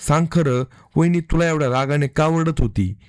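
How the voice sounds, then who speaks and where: An earnest young man gripped by suspicion, speaking in the calm, plain tones of a read-aloud story, as a male narrator gives him lines. The voice sits a little high and sounds close and dry. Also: normal speed, smooth, no room sound, lightly acted.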